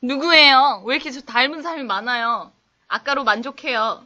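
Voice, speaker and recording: Her voice sounds pushed and bright at a moderate pace as this young woman teaches English live in a casual setting. Reading the viewer chat, she laughs and plays out short skits in exaggerated high voices.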